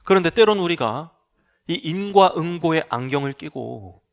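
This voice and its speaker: A man preaching a sermon as pastor, acting out townspeople in quick dialogue. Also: a little high, creaky. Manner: acts out crowd voices in lively dialogue.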